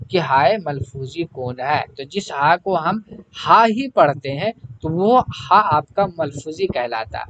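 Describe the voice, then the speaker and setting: A male language teacher walking through exam-prep questions, repeating each question to the class and then answering it himself. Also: fairly high pitch. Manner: fills pauses with "है ना". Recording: dull lo-fi recording with clear background noise.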